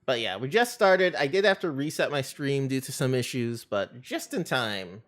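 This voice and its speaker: A game live streamer chats casually in a bubbly, cutesy, playful manner, her mid-range voice expressive and a bit bright at a moderate pace. Faint game music plays behind her.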